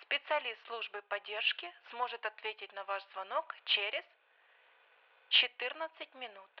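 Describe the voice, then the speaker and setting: A woman's voice: on the high side, lively intonation. Polite woman on a hold-line recording. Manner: polite, formal, measured. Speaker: automated phone hold announcer. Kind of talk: recorded call-centre hold message. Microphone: telephone line. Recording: muffled lo-fi phone line with loud hiss.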